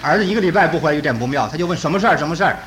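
A man preaching and telling a story in an animated way, acting out the dialogue. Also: a little high, racing, slight background noise, rough recording. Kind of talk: sermon storytelling.

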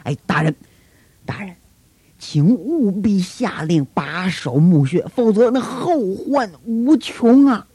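A man voicing a fawning, scheming chief priest who pleads low, hushed and slow. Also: very animated, breathy edge, dry recording. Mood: wheedling.

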